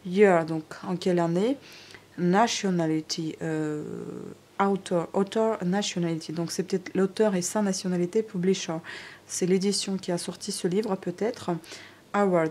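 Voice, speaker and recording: A woman's voice: on the low side, fairly even intonation, normal speed, darkish tone. A woman vlogging a haul, hesitant, with many fillers and restarts as she talks viewers through each item. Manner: chatty, addresses viewers directly. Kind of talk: casual show-and-tell vlog. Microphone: DSLR camera on tripod.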